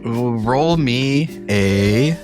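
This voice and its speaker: A man chats as the host of a tabletop game. His pitch moves around a lot while his pace stays unhurried. He is informal and loose, with music clearly playing behind him. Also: animated. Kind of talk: casual tabletop game chat, reading out listener submissions.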